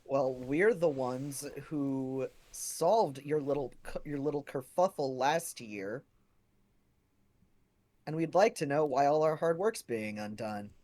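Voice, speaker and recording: A woman's voice: extremely low pitch, lively intonation, slow pace, mellow. A woman playing a tabletop game, talking informally and jokingly as she improvises her character's part. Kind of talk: casual improvised play.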